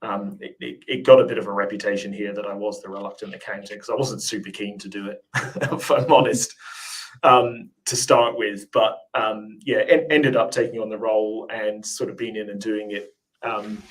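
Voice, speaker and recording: An England-born finance officer with a mixed English and Australian accent talks reflectively as a podcast guest in a casual interview chat, with many ums and restarts. His voice is lowish with fairly even intonation at normal speed, and the recording is rough.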